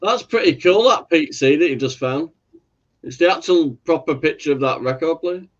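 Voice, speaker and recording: A man's voice: fairly high pitch, normal speed. A man in casual live-stream banter. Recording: slightly dull, muffled sound.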